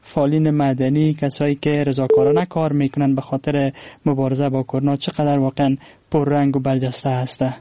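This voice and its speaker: A man with an Afghan Dari accent hosting a radio phone-in, politely questioning callers in halting phrases. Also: medium pitch, completely flat delivery, warm tone, no echo. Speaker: radio call-in show host.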